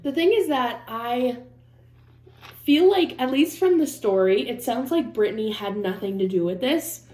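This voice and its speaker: A woman vlogger giving casual reaction commentary, animated and swearing freely as she mimics people in mock-angry voices. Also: on the high side, unhurried, reverberant.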